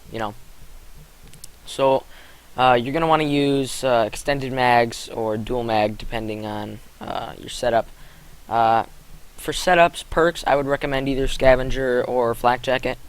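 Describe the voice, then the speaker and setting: A man's voice: mid-range voice, rough recording. A young man giving casual gameplay commentary, rambling with fillers and correcting himself as he goes. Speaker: gaming commentator.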